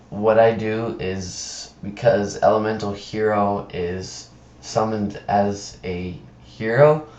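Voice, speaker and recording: Low-voiced man, halting, with a sore tongue. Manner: halting, stumbles over words and names. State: sick, with a sore tongue and throat. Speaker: presenter of card game videos. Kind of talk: casual deck profile commentary over screen recording. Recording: dull, roomy low-fi computer mic.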